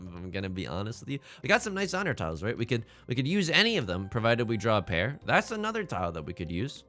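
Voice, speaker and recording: A man's voice: medium pitch, fairly bright tone. A man commentating on his own game live, thinking aloud casually with joking, mock-dramatic asides. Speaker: gaming streamer.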